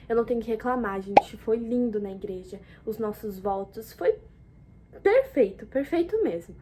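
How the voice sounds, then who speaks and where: A young woman from Brazil chatting casually to camera in a vlog, expressive and talkative, jumping between loud exclamations and soft asides. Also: on the high side, slight background noise. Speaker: vlogger.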